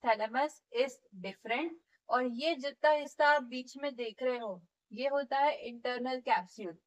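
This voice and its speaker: Woman, high voice, physiotherapy teacher, step-by-step lecture, keeps checking in. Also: unhurried, rough recording. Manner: explains step by step, often checking with "ठीक है" and "है ना"; demonstrates movements while teaching. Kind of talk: classroom lecture.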